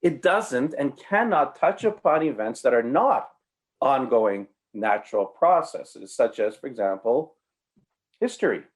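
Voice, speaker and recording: A man preaching an apologetics sermon in an emphatic way, his pitch leaping suddenly and his pace speeding up and slowing down. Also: expressive.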